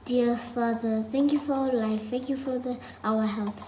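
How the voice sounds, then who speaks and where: A young girl saying a soft, halting prayer, her voice a bit high and flat. The sound is roomy, with a clear hiss behind. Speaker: child praying.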